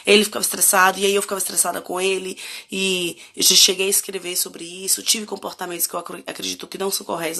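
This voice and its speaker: Brazilian woman in her 30s, parenting host, casual and reflective, slightly gravelly mid-pitched voice. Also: a bit bright. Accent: Brazilian Portuguese. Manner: reflective, asks the audience many direct questions. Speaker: parenting educator hosting a live stream. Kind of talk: casual live-stream talk to viewers.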